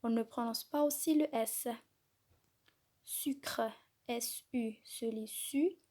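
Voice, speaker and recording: A woman teaching young children to read, spelling out letters and syllables slowly and clearly. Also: fairly high pitch, mellow. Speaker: kindergarten teacher. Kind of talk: slow, clearly articulated reading lesson for young children.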